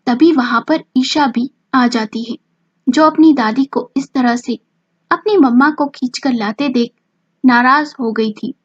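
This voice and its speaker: A woman reads a romantic drama story aloud in a steady, dramatic way. Her voice sits fairly high with a husky grain. The recording sounds dull and lo-fi. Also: unhurried, no echo. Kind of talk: scripted story narration.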